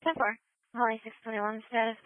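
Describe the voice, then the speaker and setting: Female police dispatcher on a radio channel: quick, clipped, tinny and dry. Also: fairly high pitch, little pitch movement, no echo. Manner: brisk, clipped radio codes. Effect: police radio transmission.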